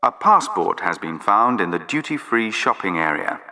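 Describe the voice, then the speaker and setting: A man reading scripted airport announcements in a formal, measured public-address manner for a listening exercise. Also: lowish voice, sing-song, in a large hall.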